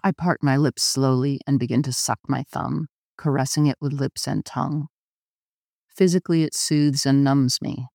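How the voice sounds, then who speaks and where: Gravelly man narrating intimately. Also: mid-range voice, fairly even intonation, a little mellow, no room sound, clean studio sound. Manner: measured, intimate, often slow. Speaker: audiobook narrator. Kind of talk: first-person literary narration.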